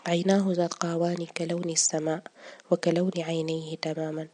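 A woman reading a story aloud in a soft, partly whispered way. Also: lowish voice, little pitch movement, fairly quick. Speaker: narrator. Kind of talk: scripted story narration.

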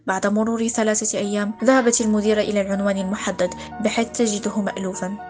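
A woman narrating a read-aloud story in a steady, literary manner. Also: medium pitch, very fast, faint music behind.

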